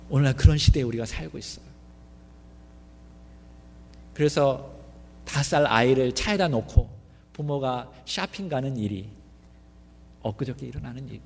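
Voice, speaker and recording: A man's voice: mid-range voice, husky. Man preaching in an echoing church. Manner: asks the congregation many questions. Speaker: pastor. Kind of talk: sermon. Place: church sanctuary. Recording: long reverb of a church hall.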